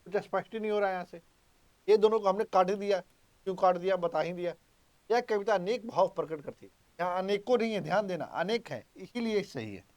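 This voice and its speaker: Quizzing students as he goes, a male exam-prep grammar teacher hammers home key points with emphatic repetition. His voice is high-pitched and darkish in tone, and he speaks fairly quickly.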